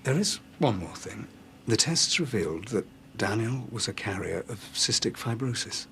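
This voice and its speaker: A doctor in a TV drama. His voice is low and gravelly. He speaks slowly and carefully, in a gentle, measured way. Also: expressive, a little hiss or hum. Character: calm male doctor breaking hard news. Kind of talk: TV soap drama.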